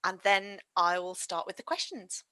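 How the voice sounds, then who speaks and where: A woman working as a sign language interpreter, voicing an interviewer's questions on a video call in a polite, steady manner. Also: medium pitch, normal speed, smooth, dry recording, low-quality recording. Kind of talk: interview questions read aloud.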